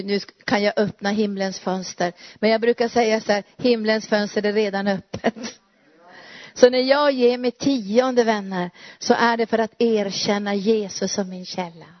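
A woman's voice: mid-range voice, steady tone, no echo, dull audio. A woman preacher and Bible teacher giving a fervent sermon, full of rhetorical questions and repetition.

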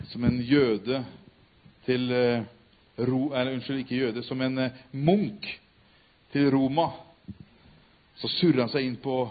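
A man preaching and retelling a story, swinging from loud emphatic cries to hushed, quiet tones. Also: on the high side. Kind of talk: sermon storytelling. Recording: tinny phone-like sound.

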